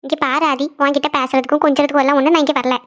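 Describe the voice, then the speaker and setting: A bitter, scolding cartoon aunt. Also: female voice, high-pitched, little pitch movement, very fast, a bit bright, highs cut off. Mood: stern scolding. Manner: cold, scolding. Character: bitter middle-aged aunt, stern and grieving. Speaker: cartoon voice actor. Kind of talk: cartoon voice acting.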